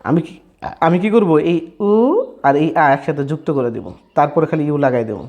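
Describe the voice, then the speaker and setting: A man teaching in a relaxed, spoken way. His voice sits somewhat high. He repeats and rephrases every point slowly and keeps checking that his listeners follow. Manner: checks in often with "clear, brother?". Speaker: language teacher. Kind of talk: casual spoken lesson.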